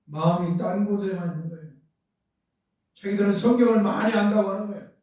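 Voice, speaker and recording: In a church sanctuary, a pastor with a high-pitched, darkish voice preaches quickly, posing rhetorical questions that build into emphatic outbursts. The mic is far off in a very echoey church hall.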